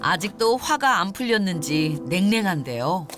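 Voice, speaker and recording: Lively woman narrating a documentary. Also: lowish voice, moderate pace, music in the background.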